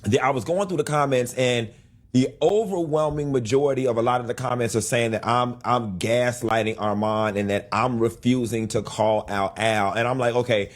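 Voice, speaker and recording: A man earnestly explaining his side of a public dispute, now and then breaking into animated exclaimed asides. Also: mid-range voice, moderate pace. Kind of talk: clip of a personal video statement.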